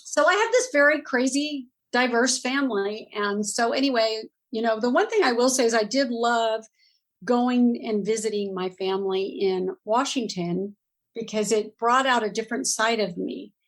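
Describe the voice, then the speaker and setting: A woman from Southern California, a podcast guest telling her family story in a rambling, animated way. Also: a little high, moderate pace, rough recording. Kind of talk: podcast interview.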